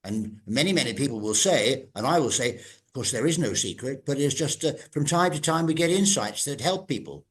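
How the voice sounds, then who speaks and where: A man's voice: mid-range voice, animated, brisk, hardly any pauses, a bit bright. An older man hosting a podcast interview, chatting casually and rambling through asides and restarts. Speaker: podcast host.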